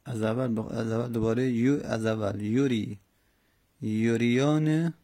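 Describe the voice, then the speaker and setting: A man teaching a grammar lesson, slowly and methodically drilling verb conjugations with hesitant fillers. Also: medium pitch, flat delivery, warm tone. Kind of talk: Arabic morphology lesson in Persian.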